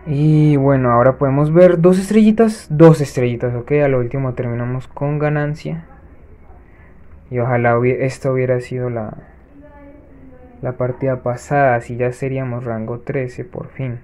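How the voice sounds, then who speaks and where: A man hosting a let's-play, chatting to viewers as he plays and breaking off with quick gasping reactions. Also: medium pitch, steady tone, dark tone. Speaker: gaming channel host. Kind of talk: let's-play gameplay commentary.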